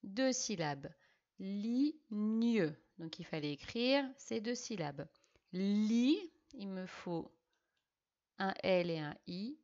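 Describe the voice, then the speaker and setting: A woman teaching young pupils, correcting a dictation by sounding out each syllable and letter slowly. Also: medium pitch, animated, darkish tone, muffled recording. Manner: slow, syllable-by-syllable spelling out. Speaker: primary school teacher.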